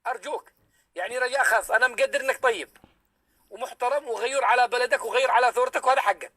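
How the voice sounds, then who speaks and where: A man hosting a live online debate on a headset, pleading again and again for calm. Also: extremely high pitch, rapid-fire, no echo. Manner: pleading, repeats calls for calm. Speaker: live stream host moderating a debate. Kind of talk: heated online debate moderation.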